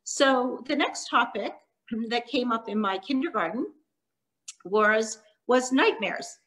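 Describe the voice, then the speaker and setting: A middle-aged woman from Montreal, a children's author, giving a talk from her living room over a laptop webcam, with frequent ums and pauses. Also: fairly high pitch, lively intonation, fairly bright tone, rough recording. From Canada (Montreal), born in Hungary. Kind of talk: presentation on a video call. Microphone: laptop webcam on a video call.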